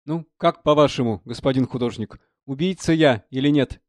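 A man's voice: medium pitch, normal speed, no room sound, lightly acted. A man voicing a genial old prisoner who speaks in a mild, teasing, ironic way, in a storybook reading.

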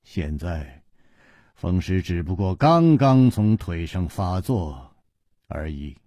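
A man's voice: big pitch swings, slow pace, mellow, no echo, studio quality, full character voice. A man voicing a proud but crippled wealthy man who speaks with weary, bitter restraint. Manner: low, subdued, bitter wry tone.

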